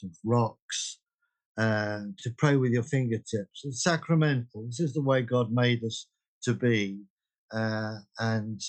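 A man's voice: medium pitch, poor audio. Thoughtful man, meandering reflective speech. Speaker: guest, pilgrimage leader. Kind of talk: reflective interview talk.

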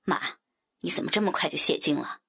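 A woman doing a bossy young man's low gravelly voice. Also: a little fast, a bit bright, exaggerated voice. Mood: teasing.

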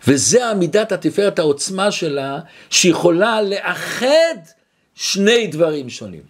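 A man's voice: high-pitched, breathy edge. A man teaching a religious lesson, explaining ideas with a story and acting out the people in it. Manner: animated, acts out the people in his stories. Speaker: Torah teacher.

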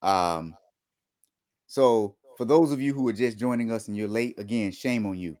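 A male podcast host runs a casual live-stream chat, joking conversationally with his guest and reading out viewer questions. His voice is lowish with a darkish tone, and he speaks at normal speed.

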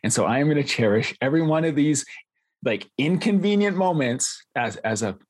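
A man's voice: a little high, animated, normal speed, a little mellow. A man hosting a podcast, talking in an earnest, conversational way. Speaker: podcast host. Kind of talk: podcast interview.

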